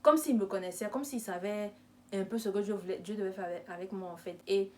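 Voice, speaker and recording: A woman's voice: mid-range voice, a little fast. Chatty young woman telling a story. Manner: chatty, animated retelling with quoted dialogue. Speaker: vlogger. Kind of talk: casual storytime.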